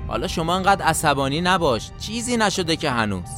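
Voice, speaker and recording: An actor playing a calm, humble division commander who speaks politely. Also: male voice, fairly high pitch, faint music behind. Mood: mild. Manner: calm, polite, then apologetic.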